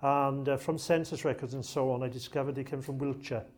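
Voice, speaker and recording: This man's voice is mid-range and darkish, with a steady tone and a slightly fast pace. He's an archive lecturer with a South Wales accent, delivering a chatty, joking talk to a live lecture-room audience.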